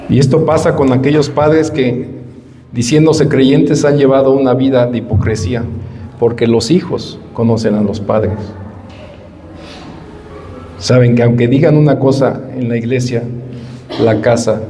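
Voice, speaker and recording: A man's voice: medium pitch, fairly even intonation, a little slow, long pauses, warm tone, in a large hall, a little hiss or hum. A man preaching a sermon as pastor, stressing points by repeating words and acting out parents and children. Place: church hall.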